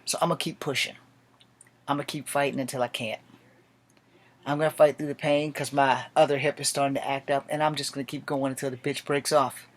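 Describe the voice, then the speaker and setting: A man's voice: mid-range voice, flat delivery, fairly quick. A man in his late forties, an army veteran, speaking a blunt, profane and defiant personal monologue to camera. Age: 40s.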